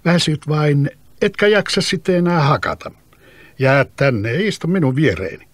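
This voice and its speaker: A man voicing a weary, cautious woodcutter father who speaks gently and coaxingly in a storybook reading. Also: fairly high pitch, lively intonation, no echo.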